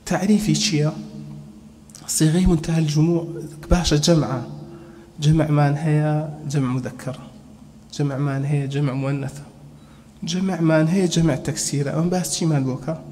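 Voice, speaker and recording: A man teaching a grammar lesson step by step, asking questions and then answering them, and slowing down to spell out each example. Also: a little high, fairly even intonation, warm tone. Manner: explains step by step, asks and answers his own questions, spells out examples slowly. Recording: long reverb, faint background hum.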